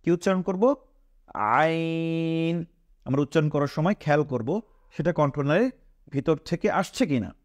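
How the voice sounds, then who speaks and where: A man with a Bangladeshi Bengali accent, teaching Quran letter pronunciation step by step, asking questions and answering them himself and drawing out each sound slowly. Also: on the high side, darkish tone, dry recording. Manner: slow, patient, repeats each letter sound drawn out.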